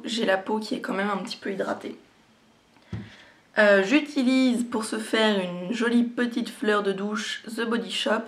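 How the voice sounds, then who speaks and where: Slightly hoarse woman vlogger, voice giving out. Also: mid-range voice. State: slightly hoarse, cracked voice that gives out. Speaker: beauty vlogger. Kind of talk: casual product chat to viewers.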